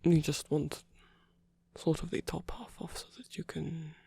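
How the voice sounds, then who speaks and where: For an intimate ASMR romance roleplay, a performer whispers huskily and haltingly, with hesitation, as a tender male rock frontman who is flirtatious yet flustered. The mid-range voice holds a level, dark tone without echo, in a playful, shy mood.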